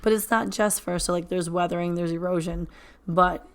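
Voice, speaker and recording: Hoarse woman hosting a casual podcast. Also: fairly low pitch, moderate pace. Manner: relaxed, conversational, lots of fillers. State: hoarse, losing her voice. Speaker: podcast host. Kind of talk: casual chat.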